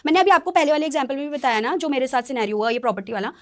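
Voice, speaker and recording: A woman's voice: sits high, rapid-fire. Earnest woman tarot reader explaining. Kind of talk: podcast conversation.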